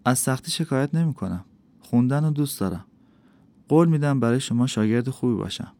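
A man's voice: medium pitch, expressive, darkish tone, dry recording, close to an everyday voice. A man reading an audiobook, voicing a shy, earnest young girl who speaks politely to her teacher. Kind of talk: audiobook character voice.

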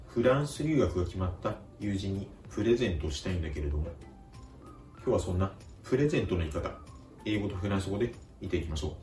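A man's voice: deep voice, lively intonation, echoey room, distant mic, over music. Man teaching vocabulary with careful pronunciation. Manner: slow, careful pronunciation drills. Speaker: language teacher. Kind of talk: vocabulary lesson.

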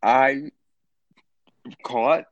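A man in his twenties, a podcast guest chatting casually, playful and animated, jumping high in pitch for emphasis. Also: very slow, no echo, muffled recording. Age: 20s. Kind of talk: casual chat.

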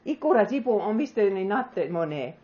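A woman's voice: mid-range voice, big pitch swings, moderate pace, mellow, dull audio. A woman preacher giving an earnest sermon that she closes with a prayer, putting questions to her listeners.

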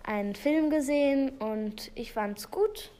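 A woman student gives brisk, positive answers. Her voice sits fairly high. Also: mellow. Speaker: student interviewee.

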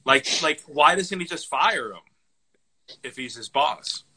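A man's voice: on the high side, expressive, measured pace, crowd noise, low-quality recording. A man co-hosting a podcast, chatting casually about a film, rambling with lots of fillers and laughing often, tired from lost sleep. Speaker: podcast co-host. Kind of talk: casual movie chat.

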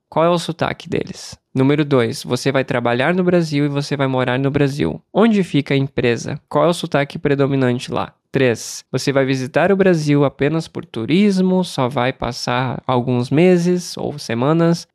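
A Brazilian man teaching Portuguese on a podcast, explaining calmly and asking and answering his own questions. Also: fairly high pitch, dry recording, studio quality. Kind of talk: podcast lesson for learners.

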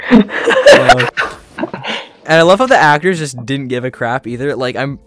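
A man's voice: on the high side, sing-song, slow, fairly bright tone, faint music behind. A man hosting a casual chat with friends, rambling with lots of fillers and laughter, his mic clipping and distorting the whole time. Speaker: podcast host.

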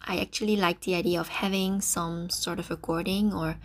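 A Dutch woman in her early twenties hosts a casual solo podcast, rambling self-consciously into a phone while crouched in a small closet with a towel over her head. Her voice is lowish, with fairly even intonation and a moderate pace.

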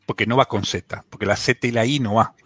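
A man's voice: on the low side, fairly even intonation, a little fast, a bit bright, dry recording. A man from Argentina with a Buenos Aires accent, chatting casually on a radio show and explaining things at length with many restarts. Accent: Buenos Aires Spanish. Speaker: tech segment contributor.

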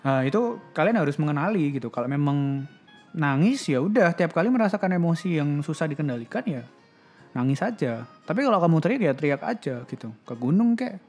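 Young man, slightly high voice, casual reflective chat, laughs at himself. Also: big pitch swings, fairly quick, a little mellow, soft background music. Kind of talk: casual personal talk.

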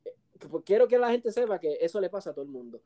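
A man, co-hosting a casual podcast chat, telling animated stories and laughing often. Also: sits high, fast talker. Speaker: co-host.

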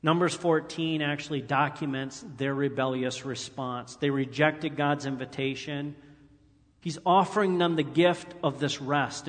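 A man's voice: medium pitch, long reverb tail. A male pastor preaching a sermon in an earnest way, reading scripture aloud with emphatic rises.

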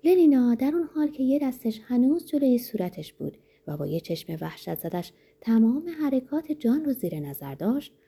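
A woman reading a novel aloud in expressive audiobook narration with a dramatic, varied delivery. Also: mid-range voice, husky.

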